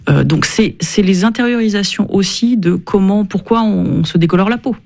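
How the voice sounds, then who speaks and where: A woman's voice: mid-range voice, moderate pace, vocal fry, darkish tone. A woman speaking as an expert guest in a radio interview, thoughtful and hesitant, with many fillers.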